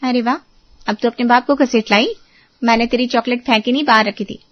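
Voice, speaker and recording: A woman voicing a defiant, sharp-tongued sister-in-law who answers with mocking retorts. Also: fairly high pitch, fairly even intonation, a little fast, no echo, highs cut off, voice pushed up, close to an everyday voice. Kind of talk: storybook drama.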